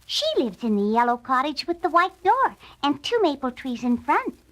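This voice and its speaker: A woman's voice: high voice, sing-song, moderate pace, a bit bright, voice pushed up. A woman voicing a sweet, innocent little girl from a storybook in a wide-eyed, sing-song way. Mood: cheerful, innocent.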